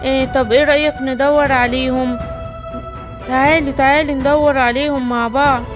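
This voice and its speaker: A woman's voice: high-pitched, steady tone, brisk, music in the background, close to an everyday voice. Simba, a woman voicing a timid lion cub. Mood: worried. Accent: Egyptian. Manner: anxious, calling out.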